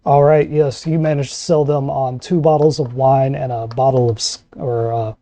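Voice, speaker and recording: Very mellow male game master. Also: mid-range voice, flat delivery, normal speed. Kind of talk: casual tabletop game narration.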